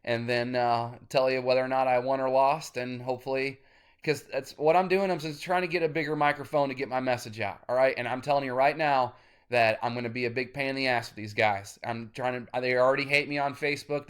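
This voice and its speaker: A man in his late thirties rants to his viewers in a loose, rambling way, swearing freely as he goes. His voice sits at an ordinary middle pitch. He keeps circling back to his points and pressing them harder and louder. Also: clear, resonant tone. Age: 30s. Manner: rambling, cursing, grows loud and insistent. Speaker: independent musician. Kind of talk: direct-to-camera vlog rant.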